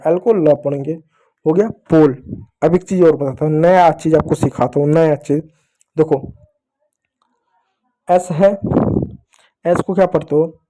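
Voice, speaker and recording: A man with a slightly raised voice teaches reading to children. He keeps asking the class questions and answering them himself, and he spells words out slowly, one letter at a time. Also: on the high side, dark tone.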